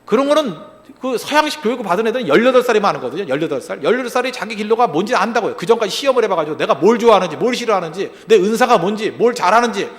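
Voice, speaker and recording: A male pastor delivering an animated sermon, firing rhetorical questions at the congregation and acting out short quoted lines. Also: high voice, racing, hardly any pauses. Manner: acts out short quoted lines in other voices. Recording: long reverb of a large hall.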